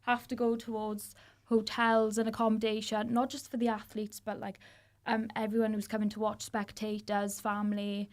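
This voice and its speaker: A woman's voice: mid-range voice, completely flat delivery, moderate pace, darkish tone. A young woman with a Welsh Valleys accent, co-presenting an informal student radio discussion. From the South Wales Valleys. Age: young adult.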